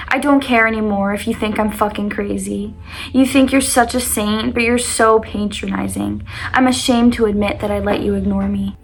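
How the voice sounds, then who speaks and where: A young woman with a fairly high voice shares personal poetry in a confessional vlog style. Her delivery is earnest and exposed, a little self-conscious, moving between reading and casual asides. Music plays behind her. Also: husky. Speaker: vlogger reading their own poetry.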